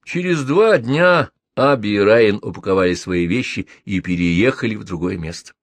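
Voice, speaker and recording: A man's voice: fairly low pitch, normal speed, no room sound. A man reading a novel aloud as narrator, wry and ironic. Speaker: audiobook narrator. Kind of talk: literary audiobook reading.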